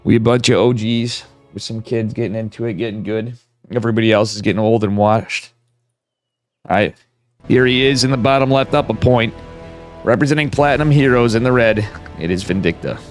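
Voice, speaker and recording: Soft background music accompanies a man's live esports commentary, delivered a little fast in a mid-range voice. He has a cold that leaves him stuffed up with a whistling nose, and his talk is slangy, chatty and informal.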